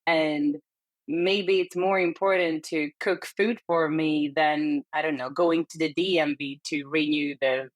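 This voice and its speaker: A woman's voice: low-pitched, steady tone, a little slow, dry recording. A middle-aged woman from Hungary with a Hungarian accent, speaking candidly and earnestly as a podcast guest, laughing lightly between phrases. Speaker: guest, perinatal therapist. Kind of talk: conversational interview.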